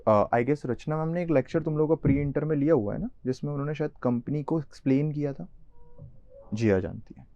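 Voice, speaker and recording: With a fairly high, dark voice and a quick delivery, a young man with an Indian accent runs a live online lecture. He keeps it conversational, addresses his students directly, and blends in English terms, all captured on a slightly dull, lo-fi recording.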